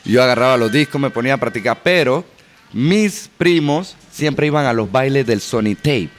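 A man's voice: medium pitch, expressive, moderate pace, soft background music. A man from Panama with a Panamanian accent, a guest DJ telling stories animatedly in a casual interview and mixing in English words. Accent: Panamanian Spanish.

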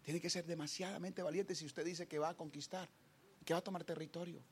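A man preaching a sermon with passion, repeating phrases for emphasis and swinging from quiet talk to shouting. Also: fairly high pitch, fairly even intonation, fairly quick, a little hiss or hum.

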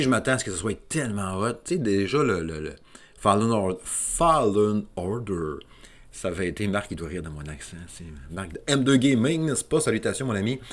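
Québécois male podcast host, fairly low voice, solo and rambling, chatty and loose. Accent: Québécois French. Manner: rambling, casual, self-deprecating with many fillers and restarts. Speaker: video game podcast host.

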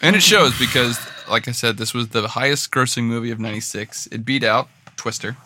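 Bright-toned man, wry podcast banter. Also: medium pitch, fairly quick. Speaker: podcast co-host. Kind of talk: casual chat.

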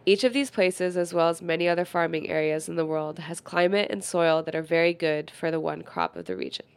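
Lady softly reading a textbook out loud, stuffy nose, kinda low and gravelly. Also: lively intonation, no echo. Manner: quiet, unhurried, pausing to comment on the text. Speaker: reader. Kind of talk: soft-spoken reading of an old textbook.

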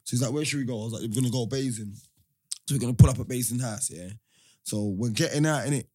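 A man's voice: medium pitch, quick pace, warm tone. A young man with a London accent, chatting and telling stories casually in heavy roadman street slang.

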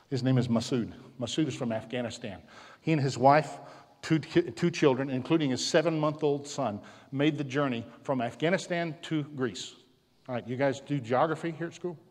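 A man preaching in a large school hall, his voice trailing off in long reverb. He tells a story dramatically and sometimes sinks to a hush. His pitch sits in an ordinary middle range. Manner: dramatic storytelling, dropping to a hushed voice at key moments. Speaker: guest speaker at a school. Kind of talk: storytelling sermon.

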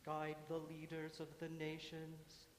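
A man intones a slow litany in a single unchanging line, his slightly high voice barely moving. Long reverb fills a large church around him, with faint ambience behind. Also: slight background noise. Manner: slow, measured, monotone intoning. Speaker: worship leader. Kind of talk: chanted litany prayer. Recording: echoey hall, mic from afar.

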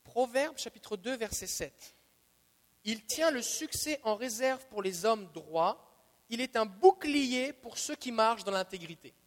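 A man with a noticeably high voice preaches with a Quebec French accent, leaning hard on repeated phrases and swinging from hushed asides to loud declarations. His sermon rings out with the long reverb of a church hall. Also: animated, a little slow. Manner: emphatic, repeats key phrases, swings between soft and loud. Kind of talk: Bible teaching sermon.

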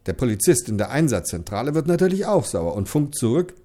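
A man spins a children's story with a partner, teasing and questioning as they go. His voice leaps wildly up and down in pitch, with a warm, mellow tone at a middle register. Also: big pitch swings, a little fast. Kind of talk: playful two-person children's storytelling.

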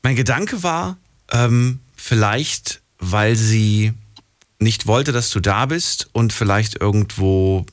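A man's voice: lowish voice, takes it slowly. A man in casual conversation who reflects on the story and asks probing questions. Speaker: interviewer.

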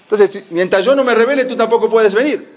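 A man voicing a stern, defiant rabbi who scolds forcefully, in a muffled lo-fi recording. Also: high-pitched, fast talker, pitched above the performer's own voice, natural voice. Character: stern older male rabbi, defiant scholar. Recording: muffled lo-fi audio.

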